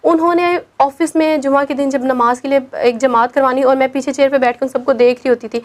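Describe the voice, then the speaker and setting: A high-voiced young woman tells her personal story as a guest on an interview show. She speaks earnestly and leans on her points with emphasis. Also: steady tone.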